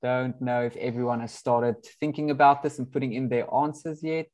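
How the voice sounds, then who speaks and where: Here a man speaking Afrikaans as his first language introduces an online product webinar on a video call, acting as a friendly host. His mid-range voice has a darkish tone, fairly even intonation and normal pace. His talk is heavy with fillers, especially ums.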